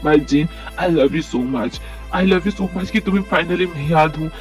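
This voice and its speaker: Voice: medium pitch, slow pace, lightly acted. A voice actor playing a hurt young man who turns cold on the woman he loves, then tender, in an amateur audio drama. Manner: pleading, then cold and dismissive. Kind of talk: Hindi fan audio drama dub. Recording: distant mic with background music.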